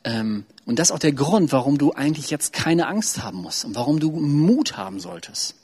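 A man delivers a sermon in a relaxed, talky way, as if thinking aloud to his congregation. His voice sits a little high for a man and has a husky, breathy edge. He stumbles, restarts and fills pauses freely. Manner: chatty, loose, with many fillers and restarts. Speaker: preacher. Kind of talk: casual conversational sermon.

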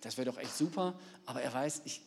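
A man preaching a sermon, retelling a story in a lively, animated way. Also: medium pitch, fairly quick, vocal fry, slight background noise. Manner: animated, acts out the characters. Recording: long reverb of a large hall.

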